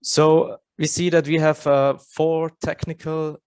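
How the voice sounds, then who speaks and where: A man's voice: on the high side, level tone, a little slow, darkish tone, clean tone. A man in his thirties from Austria, an English speaker, giving a conference presentation earnestly with frequent fillers and restarts. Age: 30s.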